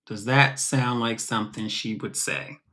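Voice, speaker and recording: A man's voice: fairly low pitch, steady tone, a little slow, pushed and bright. Man snapping back at clips. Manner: defensive, sarcastic retorts. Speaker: streamer reacting to clips. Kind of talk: combative commentary over clips.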